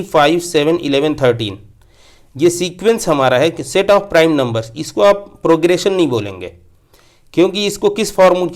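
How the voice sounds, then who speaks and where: Man teaching maths, slightly high voice. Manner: explains patiently, repeats key points, mixes English terms. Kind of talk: classroom lecture.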